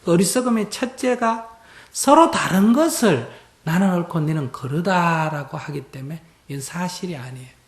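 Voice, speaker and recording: Man, Buddhist monk, dharma talk, loud then near-whispered, rhetorical questions, roomy hall echo. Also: on the high side, moderate pace. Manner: animated, swings between loud emphasis and hushed near-whispers.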